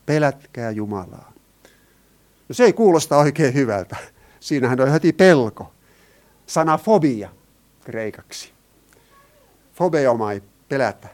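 A man's voice: fairly high pitch, darkish tone. A man preaching a sermon. He talks in an earnest way, asks his listeners questions and explains Greek words.

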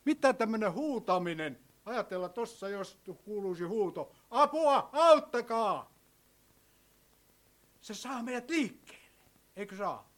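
A man preaching a sermon with a slightly high voice. He tells the story with drama, dropping to a hush and then rising loud, and often turns to ask his listeners questions. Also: expressive. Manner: storytelling, swinging between hushed and loud.

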